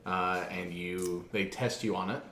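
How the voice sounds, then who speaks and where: A man's voice: deep voice, steady tone, a little slow, sharp tone, slight background noise. Straight-faced man riffing, roomy. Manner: mock-serious bits, straight-faced. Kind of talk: casual chat. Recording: roomy home room.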